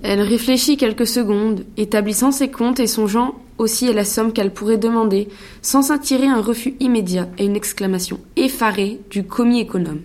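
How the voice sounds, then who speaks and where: A woman giving a measured, scripted narration of a classic story. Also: on the high side, a little mellow.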